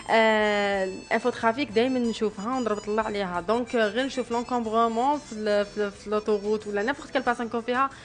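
A woman with an Algerian Arabic accent hosting a radio interview, asking brisk questions and mixing in French words. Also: on the high side. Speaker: radio host.

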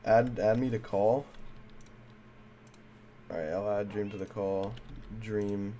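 A man's voice: on the low side, steady tone, slow pace, mellow, slight background noise. A young man streaming a game, chatting casually and teasing his friends in a playful way. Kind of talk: casual gaming chat. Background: background music.

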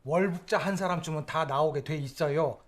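An actor playing an anxious, excitable senior male prosecutor in a period film, scolding and exclaiming fretfully. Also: a little high, fairly quick, lightly acted. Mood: fretting. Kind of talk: 1980s period film acting. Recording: film audio with clear noise.

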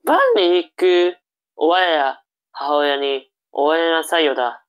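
Cocky big brother, played by a woman: low-pitched, teasing, for comic tongue-twister reading drama. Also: takes it slowly, clear, resonant tone.

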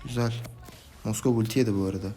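A young man commentating his own gameplay for a video, swinging from calm play-by-play to frustrated outbursts at his teammates. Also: lowish voice, racing, slight background noise. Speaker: gaming YouTuber.

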